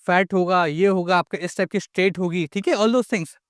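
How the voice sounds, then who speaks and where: A man's voice: sits high, normal speed, clean tone, no room sound, clean studio sound. A young Indian man giving a casual astrology lecture, mixing English into his speech and asking rhetorical questions. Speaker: astrology teacher.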